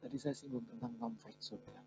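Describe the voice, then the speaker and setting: A pastor preaching a sermon, telling stories with animation and slipping into phrases. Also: male voice, medium pitch, moderate pace, music in the background, low-quality recording.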